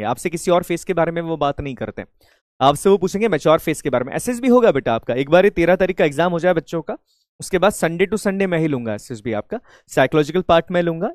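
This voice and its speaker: With no echo and studio-grade quality, this recording features a high-leaning male voice teaching an online class live. He seems a bit unwell, uses hybrid Hindi-English speech, chants patriotic greetings, and repeatedly makes sure students can hear him.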